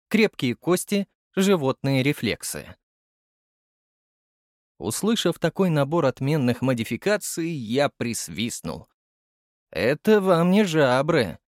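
Expressive male audiobook narrator. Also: mid-range voice, no echo, clean studio sound. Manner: expressive, first-person.

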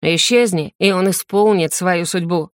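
Woman doing a deep spirit voice, commanding, ominous, slow, storybook reading, dry recording. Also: dry recording, close to an everyday voice. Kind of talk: audiobook narration.

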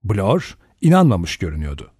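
A man reading a novel aloud as an audiobook narrator, in a measured, steady way. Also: sits low, husky, no echo, clean studio sound. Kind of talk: scripted narration.

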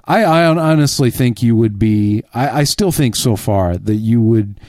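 A man's voice: medium pitch, lively intonation, moderate pace, darkish tone, dry recording, studio quality. A man co-hosting a tech podcast, chatting in an informal, opinionated way. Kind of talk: casual chat.

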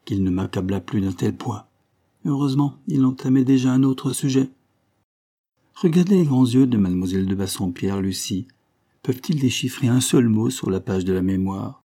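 A man reading a classic novel aloud as audiobook narration, measured, rising for emotional passages. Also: mid-range voice, expressive, mellow. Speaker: audiobook reader.

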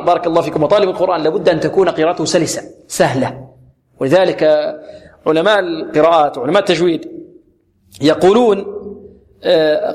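Male tajweed teacher with a high voice, slow demonstrations, answers his own questions. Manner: asks the class questions and answers them himself; repeats words slowly to demonstrate pronunciation. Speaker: Quran recitation teacher. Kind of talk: tajweed lesson with slow modeled recitation.

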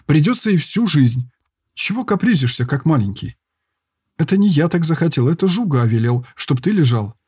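A man voicing a bossy, quick-tempered young woman who scolds and gives orders, in a raised, husky voice. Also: fairly high pitch, expressive, darkish tone, pitched above the performer's own voice. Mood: commanding. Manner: scolding, commanding.

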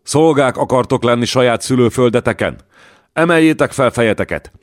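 A man voicing a defiant young peasant warrior maiden who shouts rousing battle cries. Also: low-pitched, animated, dry recording, studio quality.

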